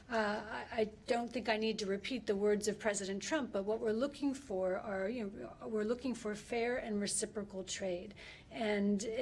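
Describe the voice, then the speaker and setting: Measured woman official at a briefing. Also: mid-range voice, darkish tone, breathy edge. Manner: measured policy talk with frequent pauses to find words. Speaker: government official at a press briefing. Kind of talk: press briefing answers.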